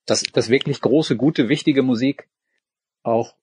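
A man interviewing a musician, asking measured questions. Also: medium pitch, darkish tone, husky, no room sound. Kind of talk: interview conversation.

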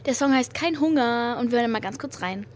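A young German woman hosting a podcast in casual slang sprinkled with English, gushing with giddy, girlish excitement. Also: a little high, fairly quick. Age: young adult. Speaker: podcast host. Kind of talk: casual chatty pop-music podcast with youth slang and English phrases. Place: hotel lobby. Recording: clearly noisy room ambience.

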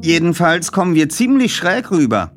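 A man's voice: fairly high pitch, sing-song, moderate pace, soft background music, pitched above the performer's own voice. Man doing a wry, teasing teen boy. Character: dry, teasing teenage boy detective.

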